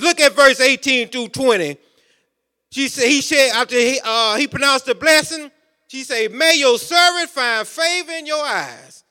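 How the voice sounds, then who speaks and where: High, bright-voiced preaching man. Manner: rhythmic, repetitive preaching with call-outs to the congregation. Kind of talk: sermon.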